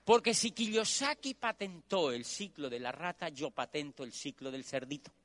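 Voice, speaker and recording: Colombian man, middle-aged, high, bright voice, animated motivational storyteller who repeats lines for emphasis. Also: moderate pace. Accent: Colombian Spanish. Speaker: motivational speaker.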